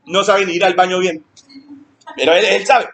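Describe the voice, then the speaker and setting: A male pastor preaches a sermon at a moderate pace, animatedly acting out church members in high, mocking voices.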